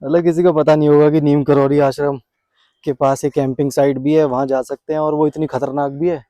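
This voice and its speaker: Male travel vlogger, slightly high voice, casual joking narration outdoors on a hill walk. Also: flat delivery, fairly quick, dark tone, no room sound, poor audio. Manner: chatty, joking, storytelling. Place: outdoors on mountain trails and by a river.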